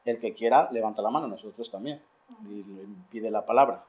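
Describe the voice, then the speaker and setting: A man's voice: fairly low pitch, brisk, lo-fi sound. Hesitant man moderating a panel. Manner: hesitant, many fillers and restarts.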